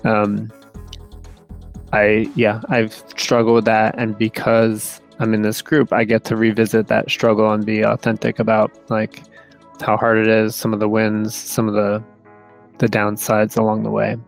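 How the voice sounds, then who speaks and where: Gravelly, flat-voiced man musing thoughtfully. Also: lowish voice, soft background music. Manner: thoughtful, hesitant, halting. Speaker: podcast co-host. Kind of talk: casual reflective podcast talk.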